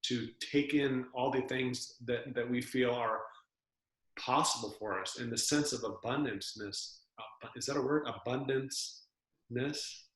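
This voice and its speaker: Reflective male podcast co-host, mid pitch, searching delivery, recorded in a roomy space. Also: measured pace, a bit bright. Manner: reflective, searching, repeats words as he thinks. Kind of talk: casual conversation. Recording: roomy echo.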